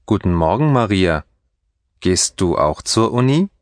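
A man reading scripted textbook dialogue for a language course with slow, careful enunciation. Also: sits low, big pitch swings, dry recording, studio quality.

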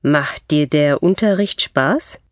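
A woman reading scripted textbook dialogue for a language course with slow, clear enunciation. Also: low-pitched, animated, dry recording.

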